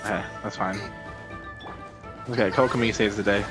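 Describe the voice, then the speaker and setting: Game music plays behind a man streaming a video game, who mutters casual commentary to himself while playing. He speaks at a normal pace with a fairly low, fairly even voice.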